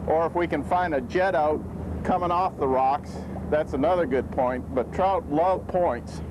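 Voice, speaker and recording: A middle-aged man talking slowly and easily as he fishes from a boat out on the bay, with a slightly high voice. Wind and boat noise run clearly behind him on an outdoor recording. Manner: laid-back, drawling, chuckles often. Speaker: fishing guide. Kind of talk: casual on-boat fishing talk.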